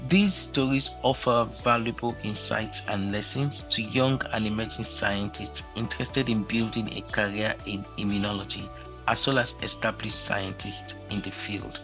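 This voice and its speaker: Low-voiced man reading a formal intro. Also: steady tone, moderate pace, low-quality recording. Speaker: podcast host. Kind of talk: scripted narration. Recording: faint music behind.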